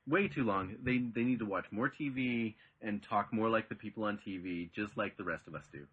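A man co-hosting a casual comedic podcast, cracking sarcastic, deadpan jokes. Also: on the low side, moderate pace, husky, narrow, tinny audio. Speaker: podcast co-host.

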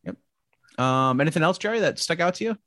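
A man's voice: fairly high pitch, lively intonation, quick pace, fairly bright tone, no echo, studio quality. A man co-hosting a podcast in a casual, teasing, joking manner. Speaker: podcast co-host. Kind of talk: casual banter.

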